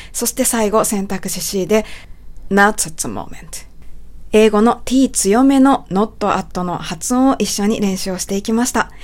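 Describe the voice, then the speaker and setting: A woman in a spoken lesson on English pronunciation, with a voice of middling pitch for a woman. She explains politely and patiently. She says the English example phrases slowly and carefully. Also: a little mellow.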